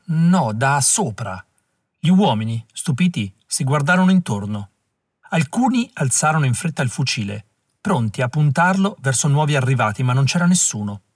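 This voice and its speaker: A man reading a novel aloud as an audiobook narrator, measured and dramatic. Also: medium pitch, no echo, clean studio sound. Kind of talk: scripted narration.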